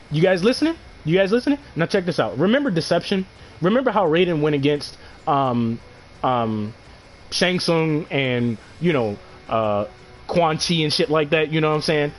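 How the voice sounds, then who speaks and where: A young man rants excitedly about a video game. His casual commentary is slangy and full of swearing. A faint noise sits under the recording. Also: a little high, fairly quick. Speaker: gaming commentator.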